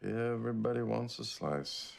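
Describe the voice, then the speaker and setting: An actor playing a cheerful, oblivious husband in a sitcom scene. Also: male voice, medium pitch, expressive, normal speed, gravelly. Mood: upbeat. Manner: upbeat, oblivious. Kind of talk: sitcom acting.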